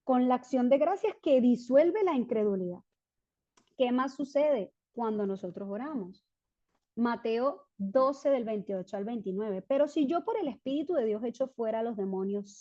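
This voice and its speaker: A woman preaching a sermon, lively and storytelling, acting out the voices of people she quotes. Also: on the high side, dull audio.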